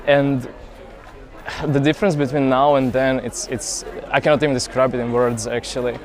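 A young man speaks in a flat, even tone, pausing often and reaching for words as he earnestly answers questions. He is outdoors at a festival, and a faint crowd murmurs behind him. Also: mid-range voice. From Croatia. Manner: earnest, hesitant, many pauses and fillers. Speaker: interviewee, festival pilgrim. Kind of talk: casual street interview. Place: outdoor youth festival grounds.

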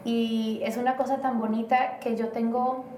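In a relaxed interview, a guest from Mexico talks hesitantly and wanders, leaning on many filler words. She has a fairly high, mellow voice with a level tone and moderate speed, captured in a distant, roomy recording with slight noise.

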